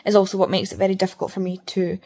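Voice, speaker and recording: Speaking rapid-fire in a dark-toned, mid-range voice with little pitch movement, a female reading vlogger chats casually to camera, mouth barely open, meandering and repeating points for emphasis.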